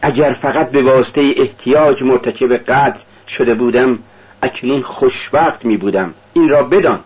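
Audiobook: brooding, feverish young man, read by a man, husky and intense. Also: mid-range voice, a little mellow, highs cut off, close to an everyday voice. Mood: despairing. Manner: intense, confessional. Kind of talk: audiobook reading.

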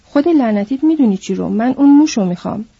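Brief: woman voicing an impatient scolding worker man, very dark husky tone, dull lo-fi sound. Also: a little high, animated, no echo, full character voice. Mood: stern. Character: small sharp-tempered itinerant worker man, protective. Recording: dull lo-fi recording.

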